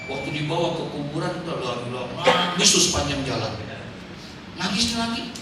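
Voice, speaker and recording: A man's voice: fairly high pitch, very animated, fairly quick. A middle-aged man with a Betawi Jakarta accent preaching a comic sermon, telling jokey stories and acting out the voices of the people in them. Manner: jokey, acts out quoted voices, shouts punchlines. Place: outdoor market gathering. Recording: echoey distant PA sound, noisy crowd.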